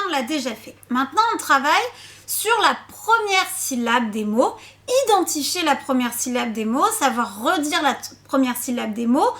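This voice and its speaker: A preschool teacher with a high, bright and forceful voice patiently walks parents through a syllable game. She repeats words and sounds out syllables slowly.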